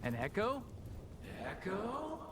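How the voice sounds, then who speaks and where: A man voicing an eerie figure who calls up from inside a well, slow and questioning, sounding distant and hollow. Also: sits high, wildly swooping pitch, noisy background, full character voice. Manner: slow, questioning, echoing words back. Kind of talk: video game voice acting.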